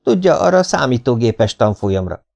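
A man's voice: medium pitch, sing-song, gravelly, darkish tone, voice pushed up. A man reading an audiobook, voicing a flustered male subordinate protesting over an intercom. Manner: protesting, cut off.

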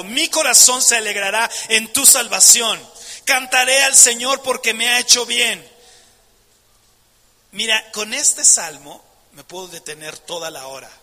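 A man delivers a fervent sermon in an emphatic preaching style, firing rhetorical questions at his listeners. His voice sits high and rings very bright and sharp. A long reverb trails behind his words.

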